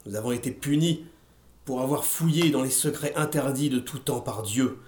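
A man reading aloud and voicing a fanatical old woman preaching a feverish, shouted sermon. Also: mid-range voice, normal speed, roomy sound, lightly acted.

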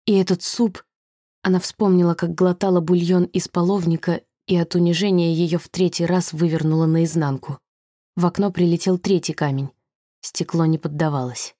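A woman narrating a thriller audiobook in a measured, tense way. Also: fairly low pitch, steady tone, mellow, no echo, studio quality. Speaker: audiobook reader.

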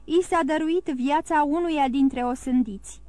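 A woman voicing a solemn male leader of a religious brotherhood, proclaiming clearly. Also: high-pitched, a little mellow, no echo, close to an everyday voice.

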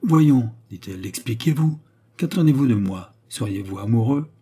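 A man voicing a greedy young courtesan, sharp, impatient and ironic, barely changing his own voice in an audiobook reading. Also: medium pitch, animated, normal speed, husky.

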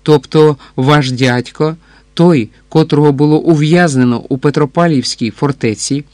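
A man's voice: on the high side, moderate pace, no echo, close to an everyday voice. A man reading as a polite, inquisitive foreign count. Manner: courteous, flattering. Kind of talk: audiobook dialogue reading.

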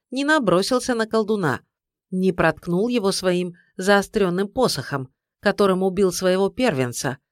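A narrator reading a historical tale aloud in a measured, dramatic way. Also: medium pitch, no room sound, clean studio sound. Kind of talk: scripted audiobook narration.

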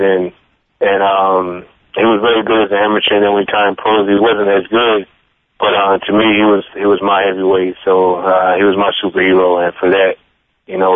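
A man in his twenties, a pro football player, talking in a radio interview over a muffled, tinny phone line that sounds like a drive-thru speaker. He speaks haltingly and searches for words. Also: on the low side, dry recording.

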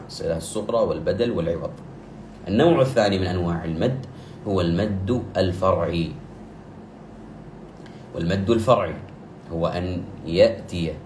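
A man teaching the rules of Quran recitation. He explains methodically, repeats key terms, corrects errors firmly, and chants examples with long drawn-out vowels. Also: deep voice, a little mellow. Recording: echoey room with faint background noise.

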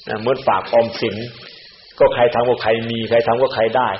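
Male monk preacher, lively delivery, recorded dull with a faint hiss. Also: mid-range voice, fairly quick, roomy sound. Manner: animated, acts out other people's words in quoted voices. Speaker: Buddhist monk. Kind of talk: Dhamma sermon.

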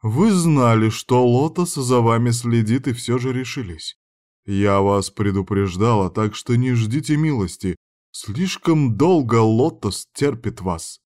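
A man reading an audiobook, voicing a stern female hostess who gives cold commands and later turns smoothly apologetic. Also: medium pitch, measured pace, a little mellow, natural voice.

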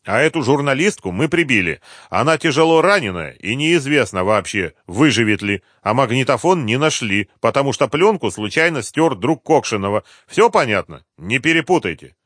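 A man voicing a bossy, quick-tempered gang leader in an audiobook, barking orders. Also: mid-range voice, sing-song, a bit bright, dry recording, studio quality, pitched above the performer's own voice. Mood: scheming.

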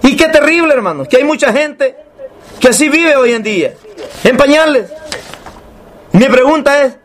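A man with a very high, expressive voice preaches a sermon emphatically, repeating himself and asking rhetorical questions. He slows down when reading scripture aloud.

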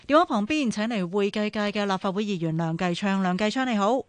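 A Hong Kong woman hosts a radio call-in show in a mid-range voice, steady and measured as she recaps and asks questions. Her voice is close and dry, with no room sound. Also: medium pitch, dry recording. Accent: Hong Kong Cantonese. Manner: measured, sums up callers' points. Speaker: radio talk show host. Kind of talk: phone-in show hosting.

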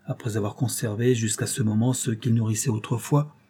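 A lonely, faded governess, played by a man reading a novel aloud, with a sad, hurried, pleading delivery. The voice sits a little higher than a man's usual speech and has a husky, warm grain. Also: fairly even intonation. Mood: anxious.

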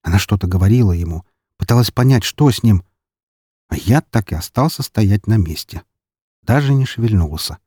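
A man narrating a first-person audiobook in a dry, even storytelling manner. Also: fairly low pitch, normal speed, breathy edge, no echo.

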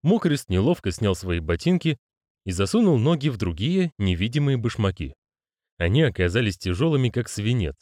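Male audiobook narrator, low voice, lively intonation, dry close studio sound. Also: dry recording. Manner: measured storytelling, voices characters. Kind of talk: scripted narration.

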